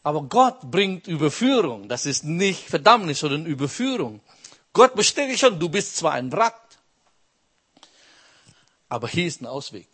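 A man's voice: a little high, big pitch swings, moderate pace, pauses often, a bit bright, slightly rough. A man preaching a sermon with emphasis, asking the congregation questions as he goes.

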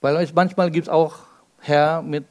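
A male preacher giving a sermon, explaining step by step with rhetorical questions and swinging between loud emphasis and soft, low asides. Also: level tone, a little slow.

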